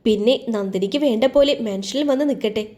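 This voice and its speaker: A woman's voice: a little high, a little fast, warm tone, lightly acted. A woman voicing a kind wealthy mother-in-law who fusses and reassures. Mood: reassuring.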